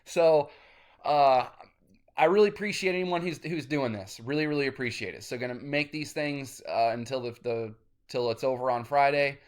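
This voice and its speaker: A man in his thirties, an independent musician, talking straight to camera in a rambling, cursing vlog rant that turns loud and insistent. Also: medium pitch, moderate pace. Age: 30s.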